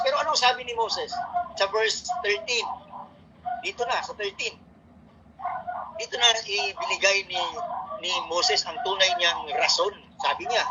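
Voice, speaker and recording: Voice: medium pitch, background noise. A speaker with a Filipino accent giving a morning devotion in a casual sermon style, reading scripture aloud and often asking "no?".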